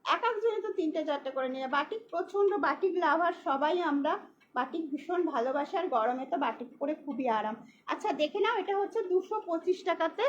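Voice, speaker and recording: A woman selling clothes on a live stream, briskly repeating prices and a phone number. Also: sits high, animated. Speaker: online clothing seller. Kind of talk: live-stream sales pitch. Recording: slightly dull, faint hiss.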